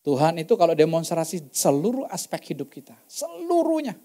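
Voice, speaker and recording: Mellow-voiced man preaching emphatically. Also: a little high, very animated, brisk. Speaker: pastor. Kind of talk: sermon with testimony stories. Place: church service.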